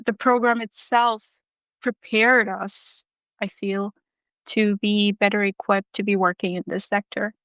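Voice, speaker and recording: A young woman from Bangladesh talks as an interview guest, thinking her way through answers with plenty of ums and uhs. Her voice is smooth and clean at a middle pitch. The recording is dry and a bit dull. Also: flat delivery, measured pace, a bit bright, dry recording. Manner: thoughtful, with frequent ums and uhs. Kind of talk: casual interview.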